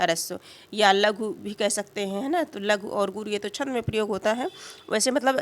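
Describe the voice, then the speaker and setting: A woman's voice: on the high side, fairly bright tone. Teacher woman asking herself questions. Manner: explains slowly, asks and answers her own questions; frequent "है ना" check-ins and "अ" fillers. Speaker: Hindi grammar teacher. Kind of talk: exam-prep grammar lesson.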